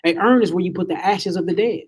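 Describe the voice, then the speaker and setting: A man's voice: sits high, fast talker, slightly rough. A man giving an emphatic spiritual lecture to a small group, asking his listeners rhetorical questions.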